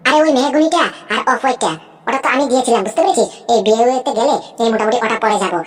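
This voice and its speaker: A woman's voice: on the high side, rapid-fire, natural voice. A woman voicing a greedy, snobbish, scheming sister-in-law in a cartoon, chattering nonstop and constantly asking whether the listener understood. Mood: bragging. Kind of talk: cartoon voice acting.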